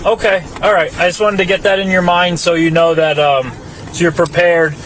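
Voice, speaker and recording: A male police officer calmly and patiently explaining procedure and talking casually. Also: high voice, fairly quick, a crowd in the background. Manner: calm, patient. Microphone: body-worn camera. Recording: noisy police bodycam audio.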